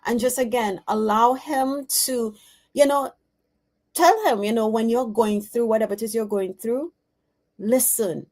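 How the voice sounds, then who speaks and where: A woman's voice: on the high side, unhurried, a little mellow. A woman in her forties giving an intuitive card reading, talking earnestly and animatedly, often correcting herself mid-sentence. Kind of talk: casual spoken reading.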